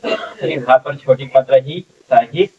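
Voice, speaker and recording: A man teaches beginner phonics, stretching each word out slowly and saying it again and again, with a checking filler after almost every step. He sounds set back from the mic. The recording is dull and lo-fi. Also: medium pitch, husky, recorded from a distance. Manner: slow, drawn-out sounding out of words, repeating each one. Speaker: English reading teacher.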